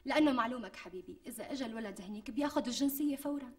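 A woman's voice: fairly high pitch, rapid-fire, darkish tone, lightly acted. An actress playing a greedy young wife with a Damascene Syrian accent, coaxing and guilt-tripping her fiancé in a TV sitcom. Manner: wheedling, guilt-tripping, indignant bursts. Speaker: scheming bride-to-be. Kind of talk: TV sitcom acting. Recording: distant mic with faint music.

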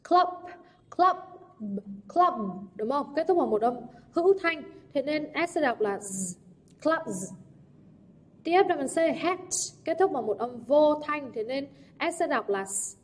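A woman's voice: high voice, lively intonation, moderate pace, a little mellow. A young adult woman teacher working through English exam answers, often checking in with the class through rhetorical questions. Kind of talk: exam answer walkthrough lesson.

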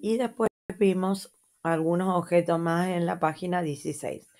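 A woman with an Argentine Spanish accent, teaching and reviewing English words for children patiently, checking in with soft "mm?" prompts. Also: fairly low pitch, faint music behind. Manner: slow, patient, repeats words and adds checking "¿mm?". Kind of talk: slow lesson review for children.

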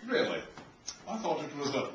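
A man's voice: fairly high pitch, very animated, normal speed, lo-fi sound. A man playing a sardonic, teasing man who talks drily, recorded live on a theater stage. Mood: dry. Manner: dry, teasing. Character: dry sardonic middle-aged man. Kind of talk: live stage comedy acting. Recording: echoey noisy stage from a distant mic.

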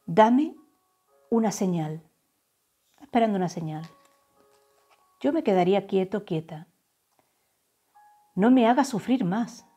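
Soft-spoken woman reading tarot, warm and breathy. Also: mid-range voice, lively intonation. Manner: slow, soft, drawn-out channeled phrases. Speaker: tarot reader. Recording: faint background music.

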